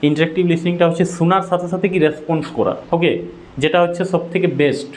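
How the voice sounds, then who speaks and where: A man's voice: fairly high pitch, steady tone, fast talker. A man with a Bengali accent giving an exam-prep lecture, asking questions and answering them himself, correcting his own slips aloud. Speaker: teacher.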